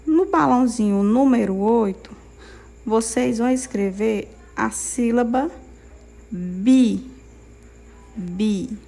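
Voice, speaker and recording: Her voice on the high side with vocal fry and a mellow quality, a young woman with a Brazilian Portuguese accent dictates syllables to small children. She's a primary school teacher, slow and patient, sing-song, often checking in.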